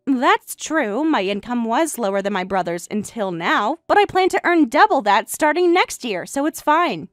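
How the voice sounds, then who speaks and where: A composed, quietly defiant young professional bride played by a woman in a family drama story. She speaks in a fairly high, lively voice with pointed, matter-of-fact delivery, recorded dry over faint music. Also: normal speed, hardly any pauses, no room sound. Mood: composed, proud. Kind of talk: acted dialogue in a narrated family drama.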